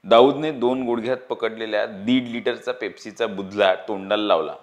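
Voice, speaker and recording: A man reading a novel aloud in a steady, expressive storytelling manner. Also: fairly low pitch, normal speed. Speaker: book reader.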